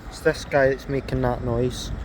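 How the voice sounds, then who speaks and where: A man's voice: medium pitch, little pitch movement, normal speed. A man chatting informally to a companion, making casual running remarks as he films trains on a phone. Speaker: amateur train spotter filming. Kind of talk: casual chat while filming. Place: railway station platform. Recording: phone recording with station background noise.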